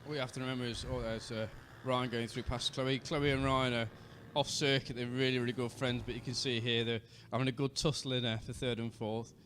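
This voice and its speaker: A man with a British accent, a rider working as co-commentator, explaining racing in a relaxed way with many fillers. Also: medium pitch, a little fast, hardly any pauses, a little hiss or hum. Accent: British English. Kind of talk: live race commentary. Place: outdoors at a racetrack.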